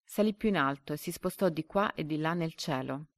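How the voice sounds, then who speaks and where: A woman with a low voice reads a story aloud, then goes through the quiz questions. She paces the answer options slowly and deliberately. The recording is dry and close. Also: no room sound. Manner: slow and deliberate when reading quiz options.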